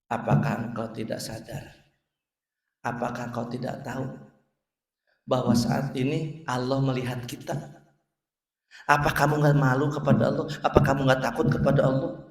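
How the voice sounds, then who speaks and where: A man voicing a poor pious widow who pleads quietly and earnestly, in a lower, softer voice. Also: completely flat delivery, moderate pace, creaky, long pauses, lightly acted. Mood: earnest rebuke. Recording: roomy, distant mic.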